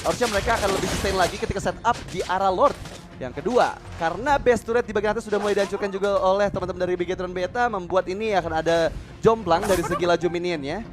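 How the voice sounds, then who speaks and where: A man with an Indonesian accent doing excited live esports play-by-play like a fighting game announcer, rising to shouts at the peaks. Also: high-pitched, fast talker. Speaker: esports match commentator. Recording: music behind the voice.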